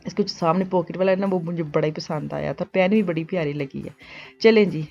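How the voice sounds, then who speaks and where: A woman's voice: fairly low pitch, fairly quick, creaky, mellow, faint music behind. Chatty Punjabi-accented woman, slightly muffled. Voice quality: chatty, switches between Hindi-Urdu and Punjabi. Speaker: vlogger. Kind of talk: casual shopping vlog chat.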